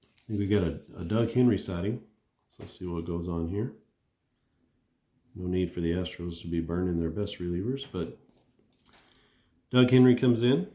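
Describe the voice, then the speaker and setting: In a roomy space where his voice echoes slightly, a man with a low, warm voice gives casual play-by-play of a dice baseball replay. He's relaxed and conversational at a moderate pace, taking long pauses and thinking aloud between rolls as though calling the game himself.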